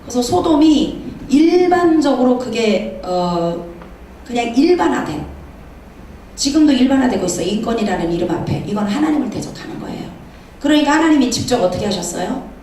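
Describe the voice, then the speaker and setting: A woman preacher giving a sermon in a church, telling a story with lively acted-out dialogue. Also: on the high side, a little fast, a little hiss or hum. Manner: animated storytelling, acting out dialogue. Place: church sanctuary. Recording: echoey church hall from far off.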